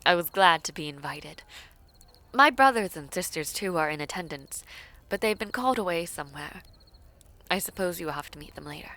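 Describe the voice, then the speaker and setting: In a fantasy romance audio roleplay, a woman plays a villainess princess who is poised, teasing and affectionate, using formal courtly phrasing and a breathy, often near-whispered delivery. Her voice sits on the low side, bright and forceful, animated and fairly quick, and her mood is gracious and sociable.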